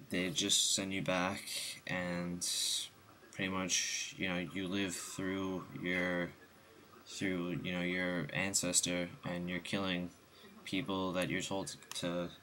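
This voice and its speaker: A man's voice: low-pitched, pushed and bright, slight background noise. A young man with the hiccups giving a rambling, casual game review voice-over, full of ums and restarts.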